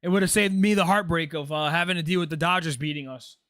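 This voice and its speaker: A man's voice: fairly high pitch, quick pace. A man in his late twenties, hosting a casual live stream, chatting loosely and answering viewers while reacting to a ball game. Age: 20s. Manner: relaxed, chatty, answers chat questions, says "bro". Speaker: livestream host.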